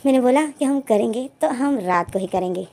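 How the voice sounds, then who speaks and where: A woman's voice: fairly high pitch, lively intonation, moderate pace, creaky, dark tone. A woman voicing a confident, teasing young man in a storybook reading, bossy and playful toward his partner.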